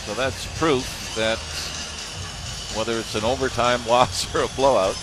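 Man giving hockey colour commentary, medium pitch. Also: steady tone, measured pace, over loud music, poor audio. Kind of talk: live sports analysis commentary.

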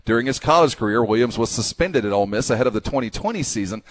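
Casting: male sports radio co-host, mid-range voice with wide swings in pitch, casual, stammers as he thinks. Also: expressive, fast talker. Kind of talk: casual sports talk banter.

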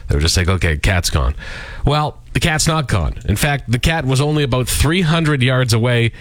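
A co-host from the Canadian prairies tells rambling stories on a radio show, trading casual banter packed with fillers and chuckles. His mid-range voice is animated and goes at a moderate pace, with no echo.

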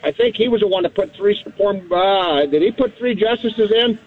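A man's voice: sits high, moderate pace, slightly rough. A male radio show caller speaking over a phone line, blunt and rambling with folksy grammar. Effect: call-in voice over a phone line. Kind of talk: casual call-in opinion.

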